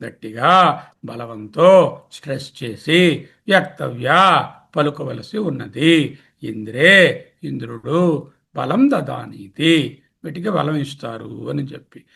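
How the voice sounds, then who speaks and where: A man lecturing on scripture in a slow, unhurried way, with a gravelly, husky edge to a fairly high voice. He explains each term patiently and repeats key words. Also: expressive, sharp tone. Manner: patient, explains terms one by one with repetition. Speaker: teacher of scripture.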